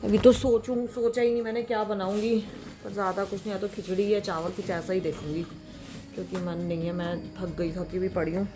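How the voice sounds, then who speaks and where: A woman's voice: flat delivery, a little fast. Chatty woman vlogging at home. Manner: chatty, coos at her pet dog in a high baby voice. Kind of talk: casual home vlog chat. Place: at home indoors.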